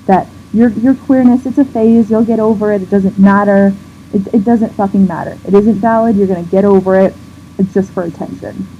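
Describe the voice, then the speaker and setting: A woman vlogger in an emotional rant to camera, indignant and near tears, swearing and restarting her sentences. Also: medium pitch. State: on the verge of tears. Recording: dull lo-fi sound with faint background noise.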